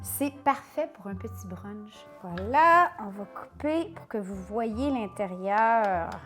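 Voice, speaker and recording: A woman's voice: mid-range voice, lively intonation, takes it slowly, a bit bright, faint music behind. A woman hosting a cooking tutorial, chatty and playful as she talks to viewers in a home kitchen. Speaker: cooking show host.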